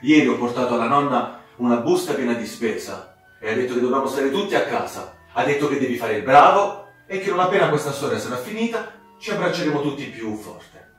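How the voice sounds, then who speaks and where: A man voicing a stern, worried father wolf who gives loud, firm refusals, in a storybook. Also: medium pitch, lively intonation, brisk, voice pushed up, close to an everyday voice. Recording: very echoey room, distant mic, soft music.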